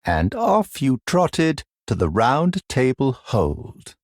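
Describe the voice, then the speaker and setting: A man voicing a condescending, smoothly sinister masked mentor in a dark fantasy game, with mock-sympathetic, theatrical, deliberately drawn-out phrasing. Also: medium pitch, wildly swooping pitch, no room sound, studio quality, exaggerated voice. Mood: sarcastic praise.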